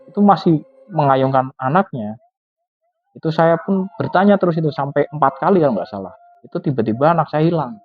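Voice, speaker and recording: A man's voice: a little high, expressive, fairly quick, soft background music. A man voicing a grieving middle-aged father who earnestly explains what he has been through, on a tinny, phone-like recording. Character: grieving middle-aged father haunted by his dead daughter.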